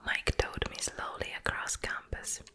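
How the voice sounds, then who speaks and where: A woman's gentle, unvoiced whisper drifts slowly between the ears as she reads a novel for an ASMR role-play, recorded on a close microphone.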